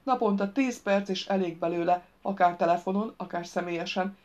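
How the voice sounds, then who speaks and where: A woman voicing a patient, wry woman of thirty in an audiobook, calm and explaining. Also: mid-range voice, muffled recording, natural voice.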